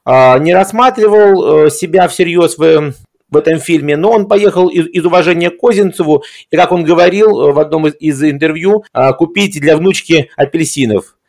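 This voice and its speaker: A man's voice: on the high side, normal speed, gravelly, a little mellow. A man discussing film in a reflective conversational way, hesitant, with erudite and formal wording.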